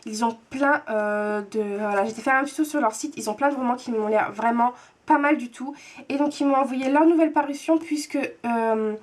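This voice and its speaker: A high-pitched young woman chats casually as a book vlogger, showing off her latest finds. She talks in an easy, rambling way, full of fillers and restarts. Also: a little fast. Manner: chatty, many fillers and restarts. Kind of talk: casual book haul chat.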